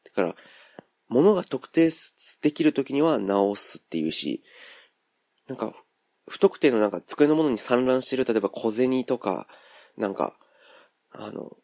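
A man's voice: mid-range voice, very animated, moderate pace, long pauses, darkish tone, dry recording, studio quality. A man with a Kansai accent hosting a podcast, thinking aloud in a rambling, casual monologue full of fillers. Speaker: podcast host.

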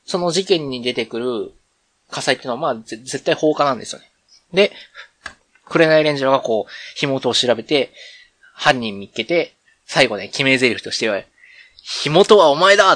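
Solo podcast host, a man with a Kansai accent, rambling, very lively intonation, dry close sound. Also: mid-range voice, no room sound. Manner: rambling, conversational, self-correcting. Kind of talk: casual solo radio chat.

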